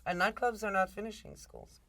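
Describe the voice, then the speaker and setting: A woman's voice: mid-range voice, fairly even intonation, a little fast, crowd noise. A woman hosting a talk show, chatting frankly with salty asides. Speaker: host. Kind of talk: casual interview chat.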